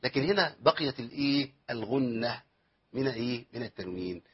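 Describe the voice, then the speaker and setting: A man with an Egyptian accent speaks briskly and animatedly in a medium-pitched, slightly rough voice, though the audio is dull. Teaching Quran recitation rules in a tajweed lesson, he asks questions, supplies the answers, and draws out each recited verse.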